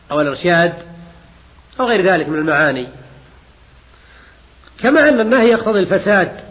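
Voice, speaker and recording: High-voiced man teaching in an echoing hall. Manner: questions the students and repeats key words. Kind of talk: classroom lesson explaining a text. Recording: dull lo-fi audio in a hall with long reverb.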